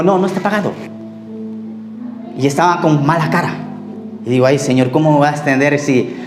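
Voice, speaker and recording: A man preaching from the pulpit, his fairly high voice ringing through a reverberant church room. He tells testimony stories, voicing each person in them, and his voice drops low as he trails off. Soft instrumental music sits faintly behind him. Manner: storytelling, acts out dialogue, trails off quietly. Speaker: pastor.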